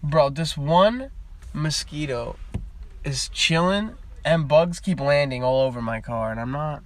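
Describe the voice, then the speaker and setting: Young male streamer, casual and rambling, a touch higher than most, talking into a phone in his parked car. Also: a little slow. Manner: rambling, chatty, easily sidetracked. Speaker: live streamer. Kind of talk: casual live-stream chat.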